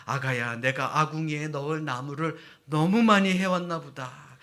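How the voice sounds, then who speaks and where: A man's voice: fairly high pitch, normal speed. A pastor voicing a humble old father-in-law. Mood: humble, kind. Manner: gentle, taking the blame. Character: kindly older father-in-law, humble and caring.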